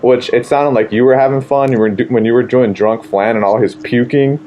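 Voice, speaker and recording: A man's voice: medium pitch, fairly even intonation, brisk, mellow, highs cut off, slight background noise. Rambling casual male interviewer. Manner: rambling, loosely phrased questions. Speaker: interviewer, filmmaker.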